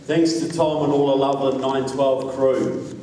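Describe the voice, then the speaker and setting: A man's voice: mid-range voice, flat delivery, normal speed, warm tone. A man with a New Zealand accent giving a political talk to a live audience, folksy and joking with the crowd. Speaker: guest speaker. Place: large hall. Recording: echoey hall, distant mic, faint noise.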